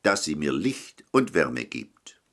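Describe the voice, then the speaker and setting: A man's voice: rumbling low, sing-song, slow pace, fairly bright tone, voice pushed down, heavily acted. A man voicing a skeptical male customer who asks probing questions. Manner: doubtful, probing.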